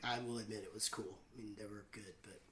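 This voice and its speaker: A man hosting his own show, chatting and telling rambling, self-mocking stories between songs with deadpan jokes. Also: lowish voice, fast. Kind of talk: casual banter between songs. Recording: roomy echo with faint guitar.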